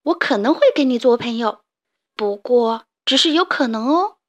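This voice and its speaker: A woman voicing a tiny, timid male mouse in a children's story, who speaks in shrill, indignant bursts. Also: lively intonation, moderate pace, lo-fi sound, lightly acted. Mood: stubborn.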